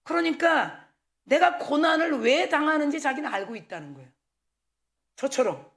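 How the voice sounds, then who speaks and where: A woman pastor preaching a sermon at a church service, telling candid personal stories in a lively way and acting out the dialogue. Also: high-pitched, normal speed, creaky. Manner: candid, animated storytelling with acted-out dialogue.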